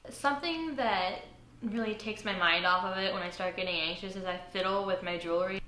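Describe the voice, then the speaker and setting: A woman's voice: mid-range voice, a little fast, pushed and bright. A young woman, a college student, talking hesitantly and self-consciously in an interview, with fillers and little nervous laughs. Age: young adult. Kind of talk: personal interview. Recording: roomy echo with faint ambient hum.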